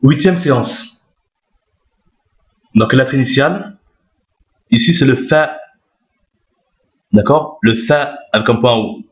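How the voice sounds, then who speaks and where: A man's voice: mid-range voice, slow pace, long pauses. A man teaching a recorded lesson in a patient, repetitive way, often checking that his listeners follow. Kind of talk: recorded Arabic alphabet lesson. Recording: roomy, dull lo-fi sound.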